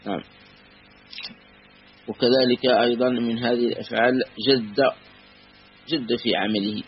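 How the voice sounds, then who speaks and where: A man teaching a classical grammar lesson, measured and patient, repeating and spelling out word forms slowly. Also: medium pitch, steady tone. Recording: dull lo-fi recording with faint hum.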